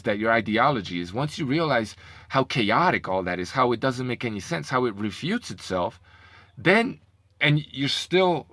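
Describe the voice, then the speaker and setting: A man's voice: mid-range voice, a bit bright, no room sound. Man ranting in heated commentary. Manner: heated, profane, repetitive ranting with stammered restarts. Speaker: commentary vlogger.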